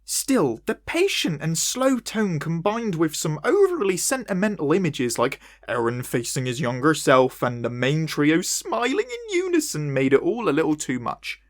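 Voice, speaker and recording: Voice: medium pitch, normal speed, hardly any pauses, no room sound, studio quality. [name], someone voicing a dorky West Country puppet. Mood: lively. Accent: West Country English. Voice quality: self-mocking, jokey asides. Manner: wildly swooping, animated delivery. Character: dorky little male puppet reviewer. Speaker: anime review host. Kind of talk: comedic video review.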